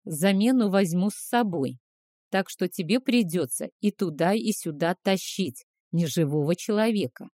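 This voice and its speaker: Calm commanding male clan leader in an audiobook , read by a woman, mellow dry voice. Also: fairly low pitch, normal speed, no room sound. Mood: calm, planning.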